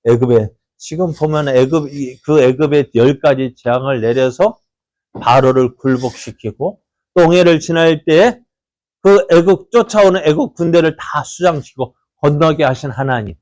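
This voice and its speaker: Male preacher, higher-pitched, quizzes the congregation and acts out the quotes; dry sound. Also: moderate pace, no room sound. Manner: animated preaching with rhetorical questions and acted-out quotes. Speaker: pastor. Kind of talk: sermon. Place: church.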